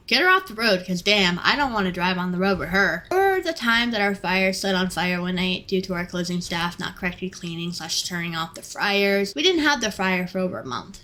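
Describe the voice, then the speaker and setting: Bright-voiced woman ranting sarcastically. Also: medium pitch. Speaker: fast food worker and vlogger. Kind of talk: ranting storytime vlog.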